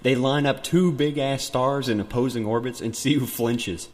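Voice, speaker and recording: A man's voice: medium pitch, normal speed. Man voicing a cocky spaceman through a tin-can filter. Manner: boastful, swaggering, crude. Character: cocky, crude male spaceman musician from the future. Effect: tinny metal-can voice filter. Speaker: interviewee. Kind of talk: comic self-interview skit.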